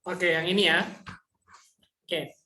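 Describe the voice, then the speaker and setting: A woman teaching a casual online Mandarin lesson, explaining patiently, saying example sentences slowly and often checking whether her students understand. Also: lowish voice, flat delivery, pushed and bright, roomy sound.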